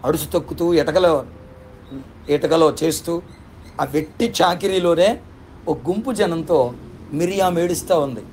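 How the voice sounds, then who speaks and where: A man's voice: a little high, unhurried, pauses often, darkish tone, slight background noise. A male pastor preaching a sermon with fervent, repetitive rhetorical questions.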